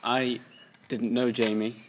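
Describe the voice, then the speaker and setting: A man's voice: mid-range voice, level tone, takes it slowly, a little hiss or hum. A man of twenty-five with a Cardiff Welsh accent, chatting casually and unscripted. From Cardiff, Wales.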